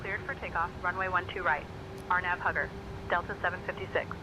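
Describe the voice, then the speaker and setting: A man reading back a takeoff clearance as an airline pilot, speaking in a brisk, clipped way over a cockpit headset radio. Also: high voice. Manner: brisk, clipped, routine phrasing. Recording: radio transmission with steady background noise.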